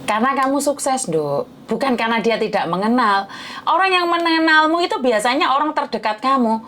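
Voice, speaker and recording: High-voiced woman giving coaxing advice. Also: animated, brisk, fairly bright tone, a little hiss or hum. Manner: coaxing, calls listener "sayang", rough-spoken. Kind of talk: motivational advice chat.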